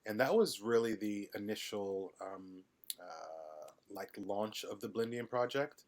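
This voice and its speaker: A middle-aged man from the American Midwest, chatting as a podcast guest in a relaxed way, with frequent ums and hesitations. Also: fairly low pitch, a little slow. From United States, Midwest. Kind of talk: casual interview conversation.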